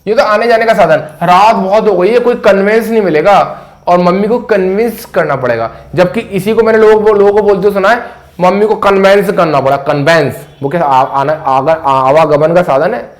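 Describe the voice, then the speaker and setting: A talkative man teaches English words in a friendly, conversational way. His voice sits a little higher than most men's, and he slows down to repeat each word again and again for pronunciation. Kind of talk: explaining English vocabulary in Hindi.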